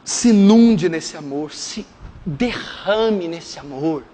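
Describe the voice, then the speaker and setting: A man preaching a sermon as pastor, dropping to hushed tones and rising to shouted fervor. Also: animated, slow. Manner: swings from hushed intimate lows to shouted fervent climaxes. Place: church sanctuary. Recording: long hall reverb.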